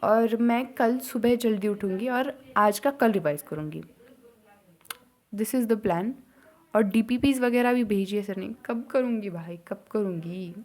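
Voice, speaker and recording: Chatty young woman vlogger, lively storytelling. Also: mid-range voice. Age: young adult. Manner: animated storytelling, rushing and then softening to near-whispers. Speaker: student vlogger. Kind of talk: casual chat.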